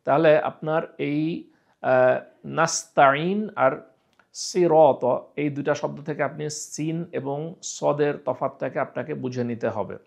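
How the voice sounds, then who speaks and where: A man from Bangladesh teaching Quran recitation, explaining pronunciation and repeating sounds slowly as drills, asking and answering his own questions. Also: fairly high pitch, vocal fry, darkish tone.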